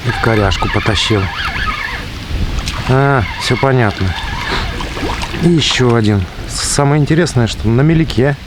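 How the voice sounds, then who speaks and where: A man's voice: mid-range voice, measured pace, long pauses. A man giving casual running commentary as he fishes outdoors, in short muttered remarks and exclamations, with wind hitting the microphone. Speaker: fishing vlogger. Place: outdoors by open water in strong wind. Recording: strong wind buffeting the mic outdoors.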